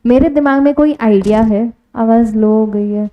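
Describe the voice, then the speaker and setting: An Indian woman teaches a live online class, slipping between Hindi and English as she quizzes her students. Her voice sits a bit high. The stream sounds dull and lo-fi. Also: normal speed.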